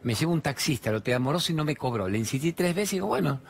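A man's voice: fairly high pitch, expressive, rapid-fire, creaky, breathy edge. Emphatic Argentine man giving motivational talk. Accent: Argentine Spanish. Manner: emphatic, repetitive, acts out dialogue. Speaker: motivational speaker.

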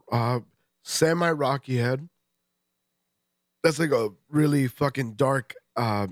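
A podcast co-host with a mid-range voice sounds stuffy and congested as he describes a beer in casual detail. He swears, jokes and laughs often during the beer-tasting chat. The recording is dry and studio quality.

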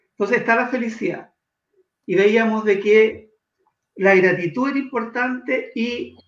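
A man from Chile, a guest in an interview, speaking in an earnest, measured way that slows for emphasis. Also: high-pitched, a bit bright, echoey room, muffled recording. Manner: earnest, measured, shifts between slow emphasis and quick asides. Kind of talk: reflective interview talk.

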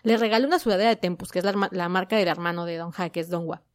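A woman talks in a casual fan commentary monologue. She gushes with excitement and acts out quotes as she goes. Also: lowish voice, racing, no echo. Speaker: K-pop fan vlogger.

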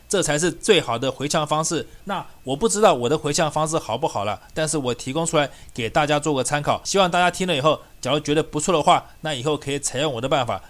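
A man rants through a political opinion monologue at a rapid clip. His voice sits a little high, and his delivery is combative and scornful. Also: fairly bright tone. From Taiwan. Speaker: political commentary host.

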